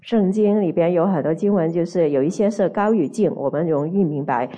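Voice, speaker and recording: A woman with a lowish, mellow voice interprets a sermon phrase by phrase at a brisk pace, with the high frequencies cut off. She hesitates as she searches for words, filling the gaps with "ah" and "er."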